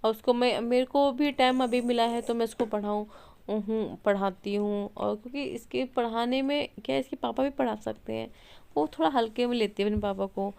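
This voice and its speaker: A woman's voice: a little high, normal speed, gravelly, a little mellow, smooth. A young woman chatting casually in a home vlog at night, rambling with fillers and self-corrections as she talks about her children. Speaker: vlogger and mother.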